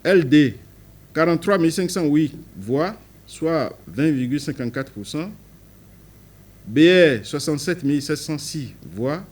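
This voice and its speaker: Reading election results aloud in a formal manner, a Beninese court official emphasizes the party initials and corrects a few of the numbers. His voice sits on the high side with a darkish tone.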